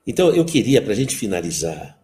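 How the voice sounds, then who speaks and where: A man's voice: lowish voice, big pitch swings, brisk, warm tone, a little hiss or hum. A man hosting a talk, eagerly agreeing and speaking to the audience. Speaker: host. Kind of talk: interview talk show.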